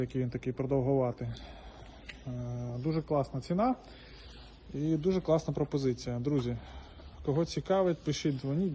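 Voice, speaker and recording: A man's voice: mid-range voice, warm tone, slight background noise. A man giving an informal product walkthrough, addressing viewers directly, with frequent hesitations. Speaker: salesman presenting a boiler.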